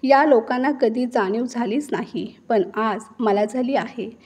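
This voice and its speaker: A long-suffering mother-in-law finally standing her ground, as a woman reader puts her on, in a fairly high voice. She speaks slowly, weighing each word for dramatic emphasis, in a storybook reading. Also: a little mellow, breathy edge. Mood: earnest. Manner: slow, emphatic dramatic delivery. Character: wronged middle-aged mother-in-law turning defiant.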